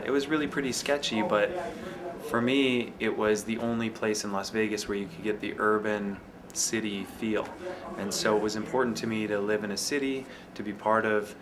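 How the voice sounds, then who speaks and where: A man who owns businesses downtown, answering interview questions in a measured, halting way with frequent fillers. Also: lowish voice, noisy background.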